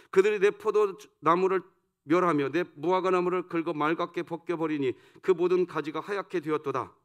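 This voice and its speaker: Pastor, male, high voice; dawn sermon, loud stresses, then soft low asides. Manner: rhetorical questions put to the congregation. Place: church sanctuary.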